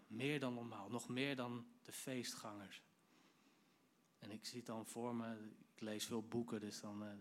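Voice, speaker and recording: A man giving a sermon, retelling a Bible story vividly and speaking directly to his listeners. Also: mid-range voice. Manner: lively storytelling, acts out quoted lines; addresses the audience directly. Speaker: preacher.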